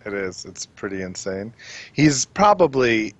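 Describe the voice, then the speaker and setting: A man co-casting a strategy game, giving relaxed, chatty color commentary. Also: fairly low pitch, a little slow, no echo. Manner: relaxed, chatty analysis with restarts. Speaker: esports co-caster.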